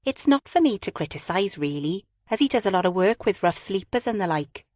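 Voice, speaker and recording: A woman's voice: medium pitch, very animated, brisk, darkish tone, no echo, studio quality, natural voice. A woman voicing a frank, chatty friend. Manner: frank, teasing, talkative.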